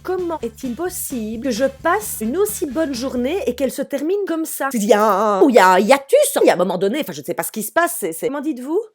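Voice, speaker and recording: A woman's voice: sits high, quick pace, hardly any pauses, husky, soft background music. A woman comedian in her forties telling a chatty, exasperated comic monologue to an unseen therapist. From Belgium. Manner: chatty, exasperated, animated storytelling.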